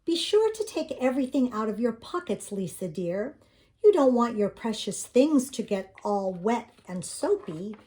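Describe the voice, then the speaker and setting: Older woman as a mellow, gently firm mother. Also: on the high side, very animated, measured pace. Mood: gently instructing. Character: practical, caring mother of a young girl. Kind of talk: children's storybook read-aloud.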